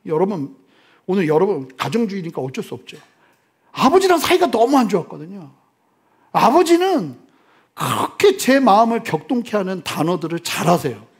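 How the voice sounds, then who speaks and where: A middle-aged man preaching a sermon as pastor, swinging from loud exclamations to hushed near-whispers. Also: sits high, wildly swooping pitch, moderate pace.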